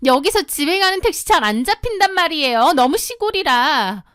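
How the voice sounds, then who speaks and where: A woman's voice: high voice, sing-song, moderate pace, a bit bright, no echo, studio quality, voice pushed up. A woman voicing a spoiled, bratty young sister-in-law who talks in a whiny, demanding, rude way.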